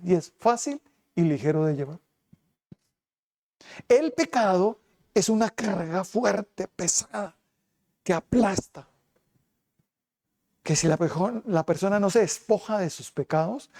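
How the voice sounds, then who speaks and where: A man preaching as a pastor, emphatic, pressing his flock with rhetorical questions and moving between quick and slow passages. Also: high voice, animated, dark tone. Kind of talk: sermon.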